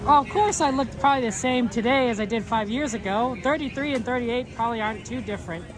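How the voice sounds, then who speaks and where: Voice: mid-range voice, fast, low-quality recording. A livestream host chatting casually and jokily with viewers in a rambling way, outdoors at a theme park. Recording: loud music and crowd around.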